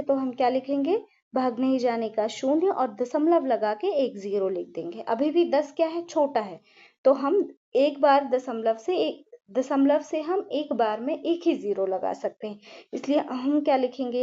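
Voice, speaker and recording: A woman's voice: high voice, warm tone, highs cut off. A woman teacher walking through a maths problem step by step, patiently checking in with the class and answering her own questions. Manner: patient, repeats "ठीक है" and asks herself questions.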